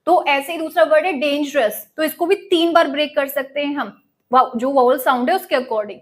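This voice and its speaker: A young woman leads an online exam-prep lesson in English literature, and her voice sits high. She explains each point patiently, one step at a time, and asks her students to repeat words after her. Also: fairly even intonation, a little fast.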